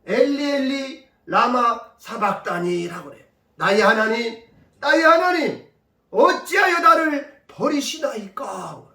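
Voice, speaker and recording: Jesus crying out in anguish, as a preacher puts him on, his voice high and drawn out. It echoes through a church, heard from a distance. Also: animated, slow pace, pushed and bright, exaggerated voice.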